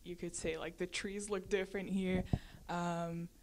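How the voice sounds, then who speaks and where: Calm teen girl from Lithuania. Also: fairly low pitch, measured pace, noisy background. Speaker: exchange student. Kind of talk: casual interview answers.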